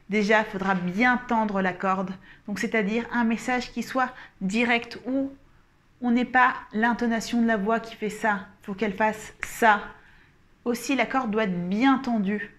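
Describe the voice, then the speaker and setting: A woman giving a coaching lesson to camera, explaining calmly and deliberately and gesturing as she talks. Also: a little high, slight background noise. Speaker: communication coach. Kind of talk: instructional coaching talk to camera.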